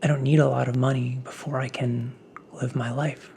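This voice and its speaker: A man speaking in a soft, half-whispered ASMR pep talk, breathy and reflective, as if musing aloud. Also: medium pitch, level tone, normal speed, slight background noise. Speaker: ASMR host.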